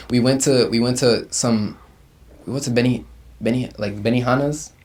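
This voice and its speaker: This young man from Uganda, a rapper in his twenties, speaks at a normal speed with a medium-pitched voice. Sitting in as an interview guest, he keeps it casual and loose, packing in slang and repeating "you feel me."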